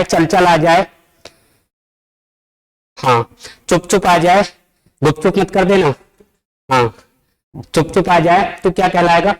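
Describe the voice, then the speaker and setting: A man's voice: sits high, smooth, poor audio. A male teacher giving an exam-prep grammar lesson, explaining step by step and putting questions to the class. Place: coaching classroom.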